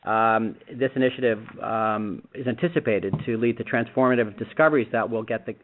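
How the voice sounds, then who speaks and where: A man speaking haltingly and in measured phrases as he explains research on a conference call over a speakerphone. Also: lowish voice, fairly even intonation. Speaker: physician-researcher speaking for a cancer research collaboration. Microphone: conference call phone, speakerphone. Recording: narrowband conference phone line.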